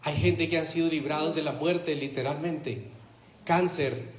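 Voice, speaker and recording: A man's voice: a little high, steady tone, unhurried, slight background noise. Man preaching in an echoey church. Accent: Spanish-speaking Latin American. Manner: emphatic preaching with rhetorical questions. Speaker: pastor. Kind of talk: sermon. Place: church hall.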